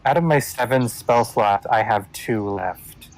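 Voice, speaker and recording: A man's voice: mid-range voice, a little slow, rough recording. A man playing a tabletop game over a voice call, dry and sarcastic in his remarks. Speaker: player. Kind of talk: casual tabletop game chat.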